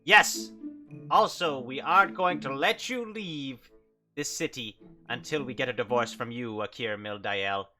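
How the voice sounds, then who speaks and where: A man's voice: medium pitch, unhurried, pushed and bright, faint music behind. A man voicing a group of indignant wives who bossily insist on a divorce. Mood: insistent.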